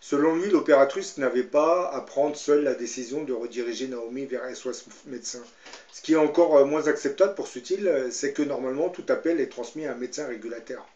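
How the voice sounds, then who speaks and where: A man's voice: mid-range voice, a little fast, a little mellow. A man giving spoken commentary and retelling a Bible story, hesitant, with constant fillers and tag questions. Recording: roomy, slightly dull sound.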